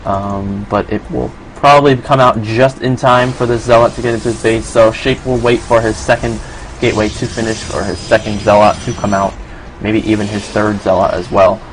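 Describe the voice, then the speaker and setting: A man with a New York accent giving relaxed, filler-heavy solo play-by-play commentary on a strategy game. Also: on the low side, normal speed, slight background noise, poor audio. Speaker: esports commentator.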